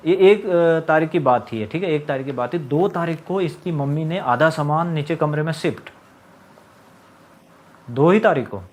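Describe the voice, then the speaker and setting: A young man telling his own story in a casual monologue, agitated and complaining, acting out what others said. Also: a little high. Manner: agitated, complaining, acts out quoted lines.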